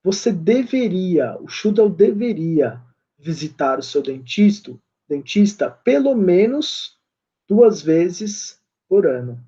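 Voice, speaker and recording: A man with a Brazilian Portuguese accent teaching a basic English class, patiently reading English examples slowly and then translating them. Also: sits high, sing-song, warm tone, husky, dull audio. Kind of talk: online English class explanation.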